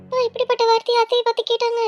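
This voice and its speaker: A woman voicing a quick-tempered young female student, sharp and worried for her family. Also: very high voice, completely flat delivery, music in the background, voice pushed up.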